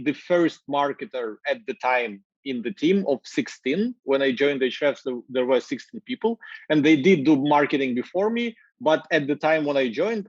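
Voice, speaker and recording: A man in his thirties from Ukraine with a Ukrainian accent, speaking English in a casual, energetic interview with many fillers, over wireless earbuds on a video call. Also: mid-range voice, dry recording, dull audio. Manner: energetic, gestures while talking, many fillers. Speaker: marketing executive guest. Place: office with glass walls, indoors.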